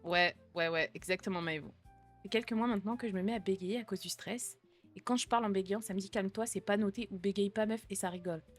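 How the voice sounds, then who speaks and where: A woman's voice: mid-range voice, fast talker, faint music behind. A young woman, a streamer chatting casually and answering viewer messages with slang, jokes and reassurance.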